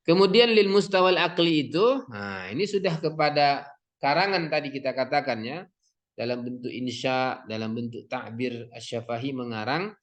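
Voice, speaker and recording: A man's voice: medium pitch, normal speed, a bit bright. A man giving a lecture on teaching writing, explaining step by step with Arabic terms, fillers and self-corrections.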